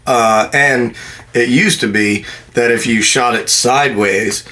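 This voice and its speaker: A man's voice: mid-range voice, measured pace, sharp tone. A man co-hosting a podcast in casual chat, making dry, teasing asides. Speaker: podcast co-host.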